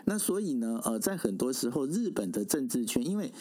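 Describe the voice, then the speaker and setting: A man's voice: mid-range voice, very animated, a little fast, dark tone. A man with a Taiwanese Mandarin accent hosting a conversational political interview, explaining at length and checking for agreement. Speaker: interviewer, host.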